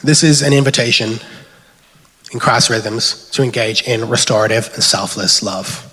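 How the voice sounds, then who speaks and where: A man's voice: medium pitch, moderate pace, bright, forceful tone, breathy edge. A man giving a loose, conversational sermon in a church hall and leading a closing prayer, often tagging his points with "right?". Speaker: preacher. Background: keyboard music playing behind.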